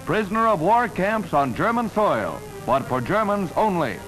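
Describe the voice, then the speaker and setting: Male narrator for an old newsreel, brisk and emphatic announcer read, raised pitch, music bed. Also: very animated, low-quality recording. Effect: old newsreel soundtrack. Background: loud music score.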